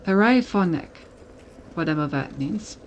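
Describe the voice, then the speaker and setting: A woman's voice: lowish voice, animated, a little slow, a little hiss or hum. A woman game streamer giving casual gameplay commentary, thinking aloud as she goes. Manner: thinks aloud, reads on-screen text.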